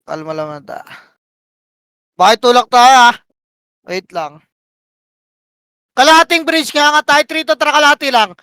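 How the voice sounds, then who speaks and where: A man calling shots for his team in live game voice chat, barking rapid commands and countdowns and swearing. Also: very high-pitched, bright, forceful tone, clean tone, no room sound. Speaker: team shotcaller.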